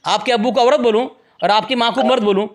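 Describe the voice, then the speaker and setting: A man's voice: very high voice, fairly even intonation. A man in a heated religious debate who insistently repeats the same demand, talking over his opponent.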